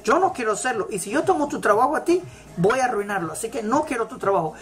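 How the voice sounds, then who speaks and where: A woman who teaches religion gives a rousing motivational talk, stressing and repeating her key phrases. Her voice is on the high side and animated, her pace quick, and faint celebration music can be heard in the background.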